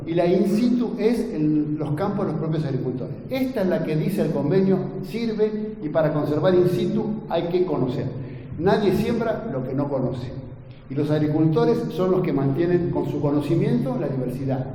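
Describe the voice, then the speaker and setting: A man's voice: on the high side, expressive, moderate pace, warm tone. A man giving an earnest academic lecture on agronomy, often turning to the audience with tag questions. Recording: echoey lecture hall, faint ambient noise.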